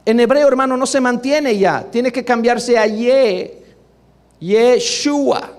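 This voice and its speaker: A man preaching a sermon with a high, bright voice. He is emphatic and keeps asking the congregation for agreement. His delivery swings between quiet asides and loud exclamations. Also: takes it slowly. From Latin America.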